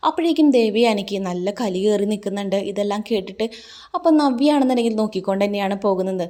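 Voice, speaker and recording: A woman's voice: medium pitch, lively intonation, fast talker, warm tone. Woman casually retelling a TV serial. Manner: retells scenes in a plain running account, reading each quoted line with light emphasis. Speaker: serial recap narrator. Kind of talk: casual spoken episode recap.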